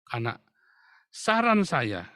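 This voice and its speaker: A man's voice: medium pitch, wildly swooping pitch, slow pace, bright, forceful tone, no room sound, studio quality. A man preaching a sermon, often addressing the listeners directly and laughing as he talks. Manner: addresses the congregation as "Saudara" often, with humor and laughs. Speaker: pastor.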